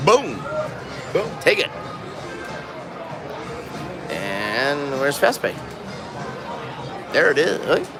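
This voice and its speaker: A man of fifty with a slightly high, lively voice streams casually from a casino floor. He talks to his viewers and the machine in short exclamations, with loud music behind him. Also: drawn-out words, pauses often, crowd noise. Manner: exclamatory, talking to chat and machine. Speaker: casino slot live streamer. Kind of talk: casual live-stream gambling commentary.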